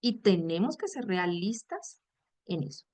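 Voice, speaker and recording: A woman's voice: fairly low pitch, very animated, a little slow, a little mellow, no room sound. Affectionate woman teaching a webinar. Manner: affectionate, acts out example phrases, calls listeners "mis amores". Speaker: psychologist and coach giving a webinar.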